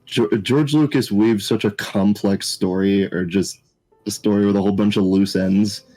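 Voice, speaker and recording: A young man co-hosting a casual podcast chat, talking in a halting, reflective way. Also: on the low side, steady tone, dark tone, faint music behind, rough recording. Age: young adult. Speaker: podcast co-host.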